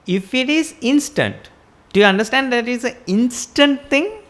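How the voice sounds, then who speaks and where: Speaking at a medium pitch, a woman with a Sri Lankan accent gives a Buddhist sermon. As a teacher, she lays out her points step by step and asks her audience rhetorical questions.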